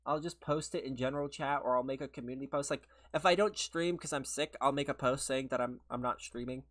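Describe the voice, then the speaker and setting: Fast-talking and fairly bright in tone, this man keeps a mid-range voice with fairly even intonation. He's a little sick and sniffly, chatting casually on a game stream and rambling and laughing as he responds to viewers.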